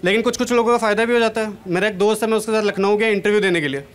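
A young stand-up comic from Kanpur, India talks at a racing pace in a high voice. Holding a mic on a large indoor event stage, he chats with the crowd and jokes at his own expense.

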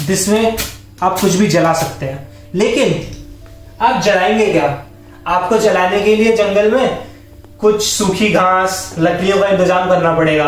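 This vlogger, a young Indian man with a high-pitched voice, walks viewers through camping and hiking products in Hindi sprinkled with English, addressing them like friends in an instructive way. The audio is very echoey, coming from a bare indoor room with wooden flooring and a camera or phone mic several metres off.

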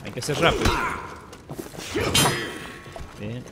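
A man hosting a gaming channel, giving excitable play-by-play commentary and repeating short exclamations over and over. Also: mid-range voice, slow, heavy background noise. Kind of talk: live gameplay commentary.

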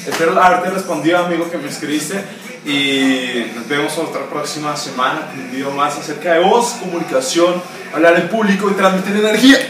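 A young man giving casual, energetic voice-coaching tips straight to the viewer in a vlog, calling him "amigo" as he goes. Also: on the high side, fairly quick, noisy background. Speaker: voice coach vlogger. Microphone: camera mic at a distance. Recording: echoey room, voice far from mic.

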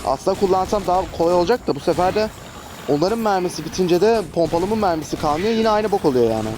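A man's voice: high-pitched, animated, quick pace, music in the background. A man giving casual, chatty gameplay commentary as a gaming host, often exasperated and cursing at enemies. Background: traffic noise.

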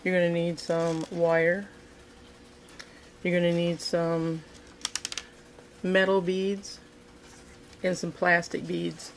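Flat-voiced woman showing a fishing craft. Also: lowish voice, slow pace, pauses often, slight background noise. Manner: relaxed, thinking aloud with frequent ums and restarts. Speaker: fishing craft video host. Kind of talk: casual how-to demonstration. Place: indoors at a wooden table.

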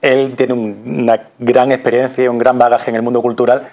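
A radio theatre performer in his thirties, with an accent from Spain, talks a little fast in a level, slightly mellow mid-range voice. He's explaining things conversationally as an interview guest in a small TV studio, miked with a lapel mic.

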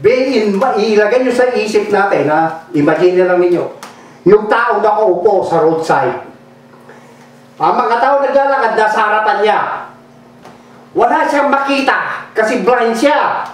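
A man's voice: high-pitched, a little slow. A man preaching a fervent bilingual sermon and calling for amens from the congregation. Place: church hall. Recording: echoey church from far off.

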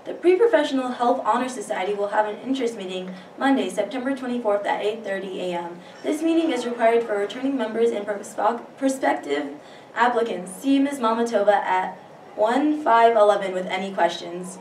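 A woman's voice: on the high side, fairly quick, darkish tone. Brief: teen girl co-anchor, recorded from a distance, faint hiss behind her. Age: teens. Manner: reads announcements steadily, with the odd stumble. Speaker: student news anchor. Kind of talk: school announcements. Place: school studio room. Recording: echoey room, distant mic, faint hiss.

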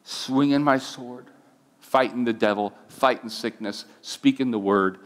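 A man's voice: mid-range voice, unhurried. A middle-aged man, a pastor, telling a personal testimony in a sermon, his voice climbing when he gets emotional. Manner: emotional storytelling, voice rising when moved.

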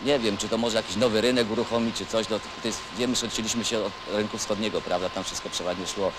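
A man employed at a factory, speaking colloquially in an interview, halting and seeking agreement. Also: on the low side, fairly even intonation. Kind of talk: unscripted interview. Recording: noisy location, street or machinery sounds.

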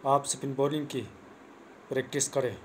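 Speaking at normal speed in a medium-pitched, level-toned voice, a young man gives a casual cricket bowling tutorial, plain, repetitive and earnest. He's a cricket coach vlogger recording into a clip-on lapel mic in a small room, phone camera close. A little hiss or hum is audible.

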